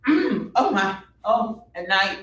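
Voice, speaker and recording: A man's voice: high-pitched, expressive, slow, a bit bright, a little hiss or hum, exaggerated voice. An actor playing a sly, mocking young male god in a stage reading, teasing with witty wordplay. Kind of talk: stage reading of a musical play. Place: theater stage. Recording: roomy echo from a distant mic.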